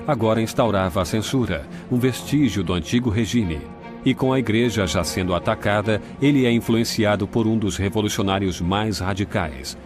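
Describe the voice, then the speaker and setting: A man reading scripted documentary narration in a grave, measured way, recorded as a studio voice-over. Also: lowish voice. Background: music.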